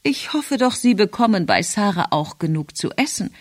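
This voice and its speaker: A woman voicing a gracious elderly grandmother in an audiobook, with a high, slow, genteel manner. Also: very animated, dry recording.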